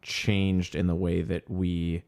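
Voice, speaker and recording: Low-voiced man hosting a podcast, full of ums. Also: flat delivery, takes it slowly, creaky, a little mellow. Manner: hesitant, many ums, trails off searching for words. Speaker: podcast co-host reading the news. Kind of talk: casual podcast chat.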